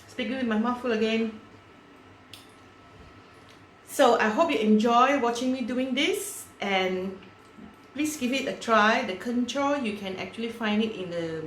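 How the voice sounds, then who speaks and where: A woman's voice: mid-range voice, roomy sound, a little hiss or hum. A woman hosting a cooking video, chatting casually and walking through each step aloud as she cooks. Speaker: cooking channel host.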